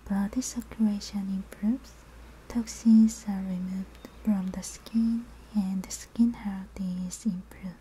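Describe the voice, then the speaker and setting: An ASMR artist plays a spa therapist, whispering softly and breathily close to the microphone with gentle, soothing, unhurried instructions. Her voice is mid-range. The low-quality recording carries faint background noise and ambient sound.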